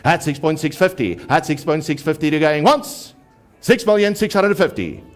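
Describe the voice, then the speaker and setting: A man working as an auctioneer, calling a live auction in a repetitive rapid-fire chant broken by slow, emphatic price calls. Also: on the high side, very animated, soft background music.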